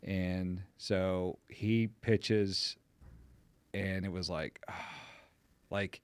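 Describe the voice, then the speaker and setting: Low-voiced middle-aged Pittsburgh-area dad. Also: male voice, drawn-out words, clear, resonant tone, no echo. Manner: animated anecdote teller, voice jumps up when amused. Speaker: podcast guest. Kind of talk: casual storytelling chat.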